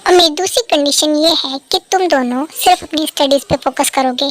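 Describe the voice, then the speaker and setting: A woman's voice: sits high, brisk, no echo, clean studio sound, lightly acted. A woman voicing a strict father who sets hard conditions for his teenage children in a fan dub. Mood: stern. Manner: stern, reproachful. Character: strict father of two teens, hurt and demanding.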